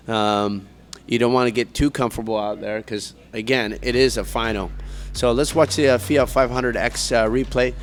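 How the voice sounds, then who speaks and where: A man's voice: medium pitch, fairly even intonation, moderate pace. A man doing live surf contest commentary as an announcer, in a laid-back, slangy surfer way of talking.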